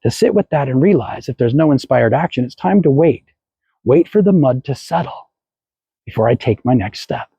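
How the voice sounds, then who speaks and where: A man's voice: medium pitch, animated, normal speed, gravelly, dark tone, breathy edge, dry recording, muffled recording. A man hosting a motivational podcast, coaching listeners and acting out their anxious inner voices. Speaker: podcast host.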